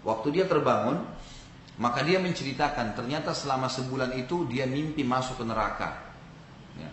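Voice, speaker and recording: A man from Indonesia delivers an Islamic sermon at an ordinary pitch, telling a story and speaking straight to his listeners. The recording has a roomy echo. A faint background hum sits under his voice. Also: fairly bright tone. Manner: storytelling, addresses audience directly. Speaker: preacher.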